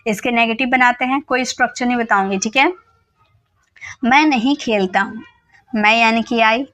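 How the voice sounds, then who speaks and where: A woman teacher with a slightly high voice walks viewers through an English lesson in a relaxed, conversational way. She repeats every example patiently and slowly, pausing often to check the listener is following. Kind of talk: casual explanatory lesson.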